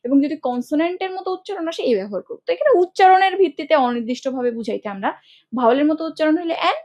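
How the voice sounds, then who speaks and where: Female English tutor, high bright voice, brisk step-by-step explainer who checks in with students. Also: lively intonation. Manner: explains step by step, often checks with "ঠিক আছে?"; colloquial speech mixing in English words. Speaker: English teacher. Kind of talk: online grammar lesson.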